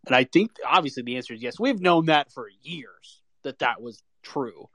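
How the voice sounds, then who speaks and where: A man's voice: medium pitch, expressive, normal speed, sharp tone, dry recording. An American man co-hosting a live audio chat with casual sports talk.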